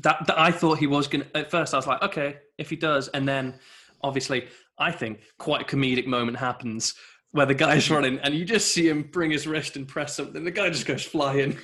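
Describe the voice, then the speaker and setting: A man's voice: fairly high pitch, steady tone, brisk, bright, forceful tone. A man co-hosting a casual podcast, steadily recapping an episode's plot. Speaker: podcast co-host. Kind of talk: casual TV episode review chat.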